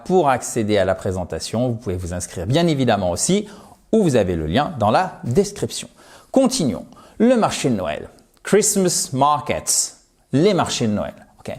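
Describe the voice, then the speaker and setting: Slow, explanatory male teacher. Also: medium pitch, darkish tone. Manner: slow, explanatory, repeats words for pronunciation. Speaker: English teacher. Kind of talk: online language lesson.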